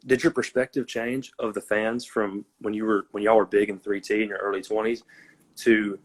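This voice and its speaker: A man's voice: on the low side, little pitch movement, normal speed. A man calling into a livestream as a fan, talking earnestly and rambling with lots of fillers. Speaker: fan caller. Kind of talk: casual chat. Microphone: joining a phone livestream.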